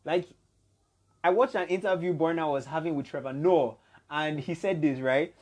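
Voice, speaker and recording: A man's voice: on the high side, moderate pace, a little mellow. A man, a podcast guest who talks emphatically and keeps checking that his listener follows. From Nigeria. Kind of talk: casual podcast discussion.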